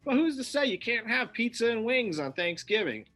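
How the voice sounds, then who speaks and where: A man's voice: extremely high pitch, sing-song, moderate pace, sharp tone. A man co-hosting a music talk show, chatting casually and with enthusiasm. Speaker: podcast co-host. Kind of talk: casual chat.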